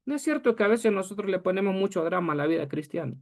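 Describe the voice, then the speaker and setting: A man with a notably high voice leads his congregation through a church history lesson. He is earnest and direct, speaking to them as beloved brethren. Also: animated, fast. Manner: earnest, addresses listeners as beloved brethren, acts out quoted voices. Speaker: pastor.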